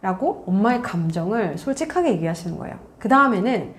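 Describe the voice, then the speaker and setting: A woman's voice: mid-range voice, big pitch swings, a little fast. A woman counselor giving parenting advice in an earnest, coaching tone, now and then acting out what a parent or child might say. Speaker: college counselor and parenting author. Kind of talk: parenting advice talk to camera.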